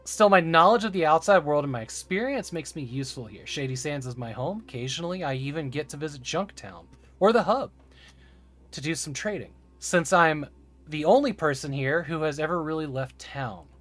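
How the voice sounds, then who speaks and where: A man's voice: fairly high pitch, lively intonation, fairly quick, a bit bright, faint music behind. A man reading out the lines of a wounded former caravan guard from a game, in a plain, matter-of-fact delivery. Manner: plainly read game dialogue.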